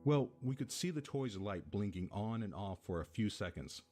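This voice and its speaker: A man's voice: lowish voice, expressive, moderate pace, warm tone, faint music behind, lightly acted. A man with an American accent playing a laid-back, foul-mouthed tenant who rambles through an eerie story in casual audio-drama style. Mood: intrigued.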